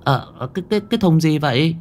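A man's voice: on the high side, animated, fast talker, soft background music, voice pushed up, natural voice. A man voicing a nosy old woman vendor in a spoken horror story. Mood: curious.

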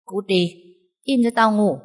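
A woman's voice: measured pace, close to an everyday voice. A woman voicing a scheming, foul-mouthed young pregnant wife who snaps scornfully and wails in a put-on way. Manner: sharp, scornful snapping, shrill fake wailing. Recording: long hall reverb.

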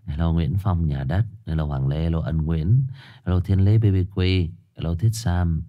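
Host, young adult man, very low voice, stuffy nose, chatty livestream greetings before a story. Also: normal speed, highs cut off. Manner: greets viewers by name, chatty and joking. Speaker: host of a live horror story reading channel. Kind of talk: livestream chat and story introduction.

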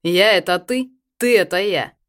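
A woman reading an audiobook, voicing a brash young man who teases his twin loudly. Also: on the low side, animated, moderate pace, lightly acted. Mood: teasing. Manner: loud, teasing, sing-song jabs.

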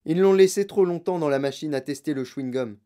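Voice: mid-range voice, fairly quick, warm tone, natural voice. An audiobook reader voicing a cheerful, eccentric man who runs a chocolate factory.

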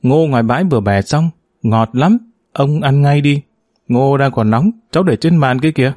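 A man voicing a lively, cheerful young village woman with a clear, ringing girlish tone and an eager, affectionate way of talking. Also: mid-range voice, normal speed, dry recording, clean studio sound, close to an everyday voice.

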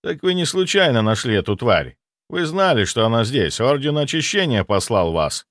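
A man voicing a cold, sardonic male necromancer who speaks in a measured, mocking way. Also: medium pitch, big pitch swings, fairly bright tone, dry recording, studio quality.

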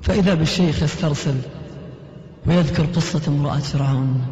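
A man's voice: on the high side, quick pace, warm tone, dull audio. A man preaching a sermon, telling a story with fervent, dramatic delivery. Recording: echoey hall reverb.

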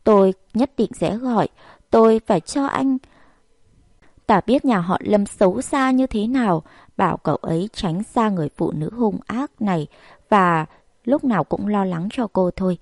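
A woman voicing an indignant, sharp-tongued older female housekeeper who scolds bluntly, in an audiobook reading. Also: medium pitch, expressive, moderate pace, no room sound.

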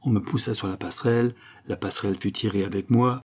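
A man reading a novel aloud in a measured, expressive audiobook narration. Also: fairly low pitch, slightly rough.

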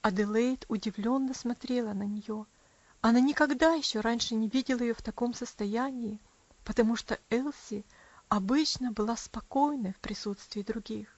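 A woman reading a storybook aloud in a soft, hushed narrating manner. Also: on the high side, normal speed, no echo, highs cut off. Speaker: audiobook reader.

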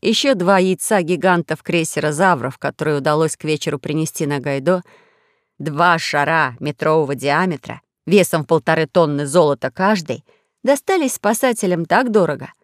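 A woman's voice: deep voice, normal speed, no room sound, studio quality. Woman reading a children's story aloud. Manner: expressive storytelling. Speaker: narrator.

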